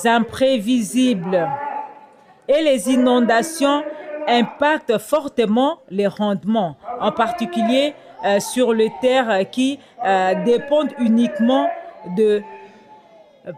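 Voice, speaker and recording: A man with a raised, high voice speaks slowly to a congregation. He hesitates often, filling gaps and repeating himself as he makes his points. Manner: hesitant, repeats words and fills pauses. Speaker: speaker addressing a church service. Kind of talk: halting address with many fillers. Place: outdoor church gathering.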